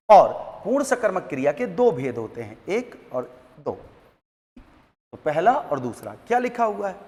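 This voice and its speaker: A man teaching a Hindi grammar class, asking questions and answering them himself. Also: sits high. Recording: long hall reverb.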